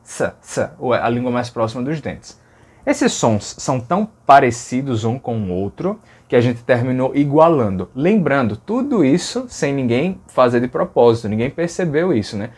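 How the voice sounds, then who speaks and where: A man's voice: mid-range voice, very animated, moderate pace, a little mellow, slightly rough. A man from Brazil with a Brazilian Portuguese accent, giving a casual educational explanation of speech sounds and patiently saying sounds over and over to demonstrate them. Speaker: linguistics educator.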